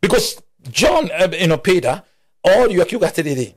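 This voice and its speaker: A Kenyan man, a pastor, talking in a preaching style in an interview and quoting scripture with animated emphasis. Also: high voice, a little fast. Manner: animated, quotes scripture, mixes English with Kikuyu.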